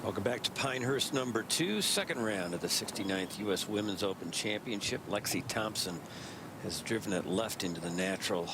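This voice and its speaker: A man's voice: fairly low pitch, expressive, fairly quick. A man commentating on golf as a broadcast play-by-play host. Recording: loud outdoor ambient noise behind the voice.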